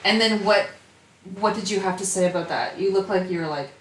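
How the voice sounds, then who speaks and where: A woman guest on a podcast, chatting casually with teasing, deadpan jokes. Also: mid-range voice, brisk, echoey room, distant mic, low-quality recording. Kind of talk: casual chat.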